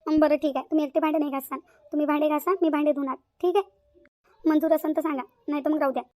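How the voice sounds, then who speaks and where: A woman's voice: high-pitched, little pitch movement, racing, dark tone, no echo, close to an everyday voice. A woman voicing a devoted younger sister-in-law in a cartoon, earnest and insistent. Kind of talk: cartoon voice acting.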